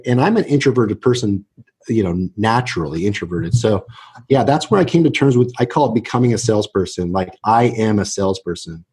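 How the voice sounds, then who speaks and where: Husky-voiced man telling his story. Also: lowish voice. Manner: animated storyteller, many restarts and "right?" tags. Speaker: real estate agent and team builder, guest. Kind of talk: casual interview talk.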